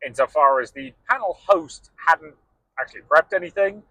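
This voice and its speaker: A man co-hosting a podcast, relaxed and rambling in casual chat. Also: on the high side, normal speed, vocal fry, no echo, poor audio. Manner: relaxed, rambling with fillers like "um" and "you know". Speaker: podcast co-host.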